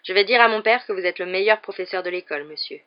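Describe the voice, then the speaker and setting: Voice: medium pitch, quick pace, lightly acted. A reader voicing a spoiled, smug schoolboy who taunts and gloats, in a dull lo-fi recording. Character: sneering boy pupil, spoiled and smug.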